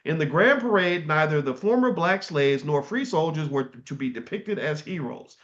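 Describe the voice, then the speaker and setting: Slightly lo-fi, dull audio captures a middle-aged man reading history book passages and stopping to chat about them casually. His voice is fairly high, animated, and a bit bright, at a moderate pace.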